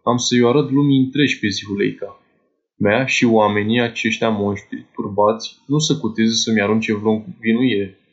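A man's voice: fairly low pitch, fairly even intonation, lo-fi sound, lightly acted. A man voicing a wild male conqueror, lovestruck and grandiose, declaiming in lofty phrases. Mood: rapturous.

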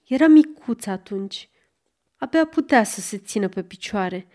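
A woman's voice: medium pitch, expressive, a little mellow, close to an everyday voice. A woman narrator voicing a proud, grieving old servant woman in a storybook reading, lightly voiced. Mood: wistful.

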